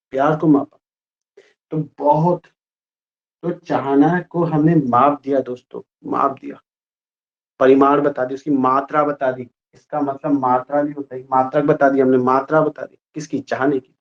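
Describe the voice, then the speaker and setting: A man teaching a grammar lesson to a class in a lively, playful way, often asking the students questions. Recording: muffled low-fidelity sound.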